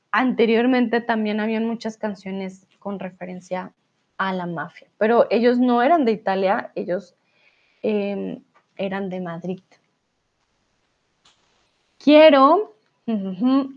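A woman teaching Spanish in a live online lesson, explaining words slowly and spelling them out letter by letter. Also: mid-range voice, a little mellow, highs cut off.

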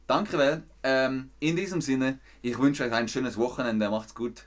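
A man's voice: medium pitch, fairly even intonation, a little slow. Upbeat male German-lesson streamer. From not from Switzerland. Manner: upbeat, praises viewers often. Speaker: German-teaching livestream host. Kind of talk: live stream lesson reading chat questions.

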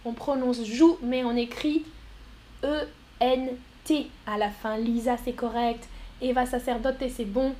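A woman's voice: a little high, fairly even intonation, unhurried, warm tone. A woman teaching a live online French lesson, spelling words letter by letter and praising students by name. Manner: encouraging, calls out students by name.

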